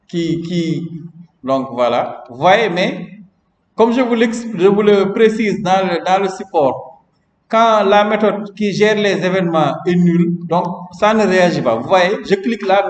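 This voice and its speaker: A man's voice: sits high, slight background noise. A man instructing a class in programming during a live coding lesson, chatty and often checking in with the students. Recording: roomy, dull lo-fi classroom recording with long reverb.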